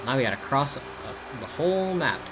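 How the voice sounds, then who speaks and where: Lively, sarcastic male gaming commentator. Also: medium pitch, fairly quick, noisy background. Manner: sarcastic, profane. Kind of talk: casual joking gameplay commentary. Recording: game music under commentary.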